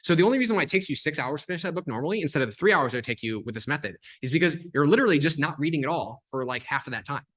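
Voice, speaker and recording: A man talking as a podcast guest, explaining things in a fast, animated way, full of "like" and "um" fillers. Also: fairly high pitch. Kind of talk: casual explanatory conversation.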